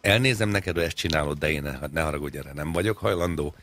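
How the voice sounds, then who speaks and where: Very deep-voiced man, wry and rambling. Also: a bit bright. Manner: wry, rambling, absurd jokes, frequent hesitations. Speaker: radio show co-host. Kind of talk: comedic casual chat. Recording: studio radio talk show.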